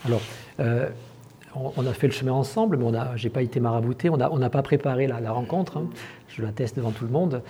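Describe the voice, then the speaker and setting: Man, low gravelly voice, breathy, mellow, hesitant interviewer. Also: fast. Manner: hesitant, many "euh"s. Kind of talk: interview questions.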